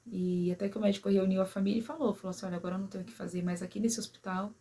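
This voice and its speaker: A woman who tells a personal story to her viewers in an emotional way. She keeps adding "né?" and "sabe assim?" and drops very quiet at the sad parts. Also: mid-range voice, steady tone, racing, husky. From São Paulo, Brazil. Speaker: vlogger.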